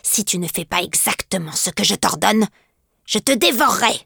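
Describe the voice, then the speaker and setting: A woman's voice: medium pitch, expressive, normal speed, creaky, pushed and bright, slightly rough, no room sound, studio quality, full character voice. A woman voicing an old child-eating forest witch who growls her threats. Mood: menacing.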